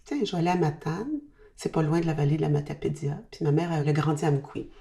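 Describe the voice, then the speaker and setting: A woman's voice: sits low, fast talker, creaky, warm tone. A woman, telling fond memories in a documentary interview. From Quebec. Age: 60s.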